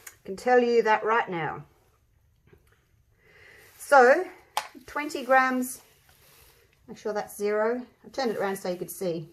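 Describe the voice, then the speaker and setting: A woman's voice: fairly high pitch, animated, slow pace, long pauses, a little hiss or hum. Australian woman, slightly muffled behind a mask. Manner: chatty, thinking aloud. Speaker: craft tutorial host. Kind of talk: casual chatty demonstration. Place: indoor craft table.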